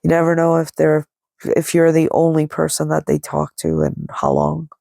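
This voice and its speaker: In a deep, creaky, mellow voice with a level tone and normal speed, a middle-aged woman hosting a podcast tells a personal story casually, rambling and quoting dialogue along the way. A head cold leaves her nasal and congested. She lies down indoors, and the sound is clean studio quality, dry, close and echo-free.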